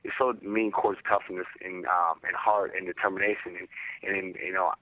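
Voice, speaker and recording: A man's voice: sits low, fairly even intonation, moderate pace, no echo. A man speaking casually as a fighter answering questions on a phone conference call, peppering answers with "you know" and "man". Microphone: telephone. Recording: muffled phone conference line.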